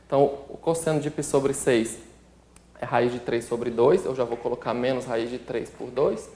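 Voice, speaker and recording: Working through sums as he writes them out, a Brazilian Portuguese-accented man teaches a calculus lesson step by step and frequently checks in with the listener as a math instructor. He has a dark, medium-pitched voice at a moderate pace, recorded with roomy echo and a little hiss or hum.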